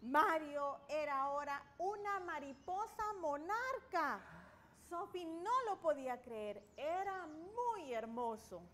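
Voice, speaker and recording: A woman's voice: high voice, lively intonation, slow pace, a bit bright. A middle-aged woman, a guest author, telling things expressively for young children.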